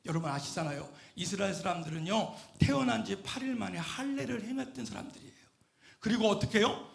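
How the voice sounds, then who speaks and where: A middle-aged man preaches with energy, throwing questions at the congregation and raising his voice to a shout at the peaks. His voice sits high and sounds bright and forceful. The room around him is roomy and echoey. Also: gravelly. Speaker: pastor. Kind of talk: lively sermon with call-and-response. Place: church sanctuary.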